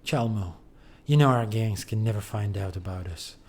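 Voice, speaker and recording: Melodramatic tree-lady gang boss, hushed and pleading, read by a guy. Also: fairly low pitch, normal speed, slight background noise, lightly acted. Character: lush tree-woman gang leader, secretive lover.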